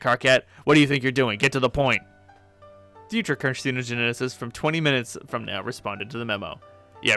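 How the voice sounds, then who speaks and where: Bossy and fed up, a teenage troll leader rants and curses at everyone around him, voiced by a man at a medium pitch. The delivery is bright and tense, and faint background music can be heard.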